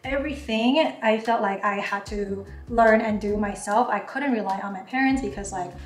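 Filmed from across the counter in her echoey home kitchen, this Mandarin-speaking woman from Taiwan, in her 20s, chats through a casual Q&A vlog with background music playing. She speaks at medium pitch and moderate pace, sounds distant, and leans on "like" a lot.

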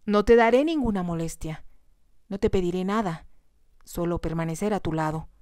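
Heartbroken young bride, read by a woman in whispered role-play, soft, pleading, dry close sound. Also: fairly low pitch, moderate pace, no echo, close to an everyday voice.

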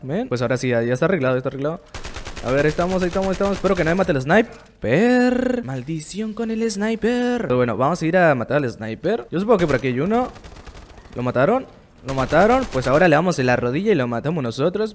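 A man giving casual, excitable commentary over his own shooter gameplay, swearing and reacting quickly. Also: a little high, a little hiss or hum. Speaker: gameplay streamer.

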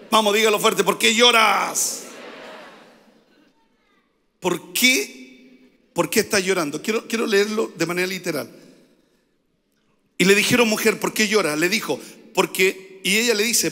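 Chilean pastor preaching, high bright voice. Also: male voice, in a large hall. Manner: preaching with repeated phrases and call-and-response. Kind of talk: sermon.

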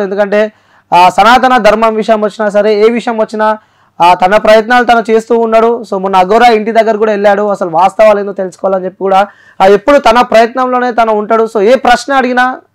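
An interview host with a Telangana accent explains things emphatically and repetitively, mixing in English words. His voice is high and smooth.

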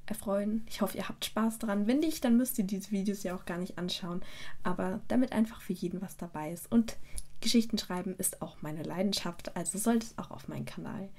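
Female host narrating her fan fiction, mellow and even. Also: mid-range voice, brisk. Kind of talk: reading a self-written story aloud.

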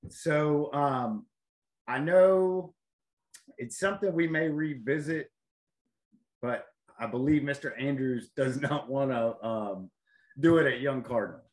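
A man's voice: mid-range voice, takes it slowly. A man, a chef chatting easily as a guest on a video call. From North Carolina. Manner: easygoing, chatty, with small laughs. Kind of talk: casual video-call interview.

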